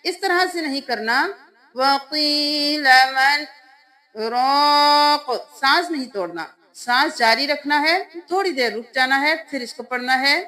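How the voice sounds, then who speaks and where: A woman with a high, light voice and a Pakistani Urdu accent teaches Quran reading. She spells out letters and vowel marks patiently, one step at a time, in a plain lesson style. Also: expressive, pushed and bright. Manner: patient step-by-step explaining, then slow drawn-out chanting of verses.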